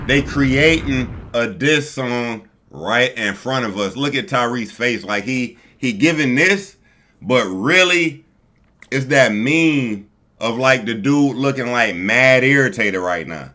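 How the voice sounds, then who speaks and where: Bright-voiced male streamer, chatty slang. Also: mid-range voice, expressive, slow pace. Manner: loose, chatty, slangy, talks to viewers as family. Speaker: streamer host. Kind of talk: casual live-stream commentary reacting to a video.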